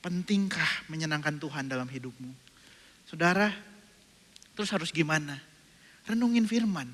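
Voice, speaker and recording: A male pastor preaching in a high, bright voice. He asks the congregation questions, answers them himself, and plays out his own prayers in changing voices. His voice carries a long church reverb with faint music underneath. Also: normal speed. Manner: acts out his own prayers and inner dialogue, switching voices. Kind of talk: sermon. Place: church sanctuary.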